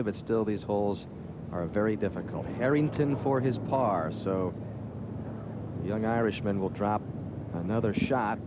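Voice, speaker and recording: A man in a low voice gives descriptive live golf commentary, setting up each hole. There is clear outdoor rumble and noise in the broadcast recording. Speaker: golf commentator calling the holes.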